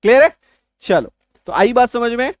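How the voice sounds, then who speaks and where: High-voiced Hindi-accented male English teacher. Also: very animated, normal speed, no room sound, studio quality. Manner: spells letters aloud and keeps checking with "ठीक है?". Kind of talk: classroom-style video lesson.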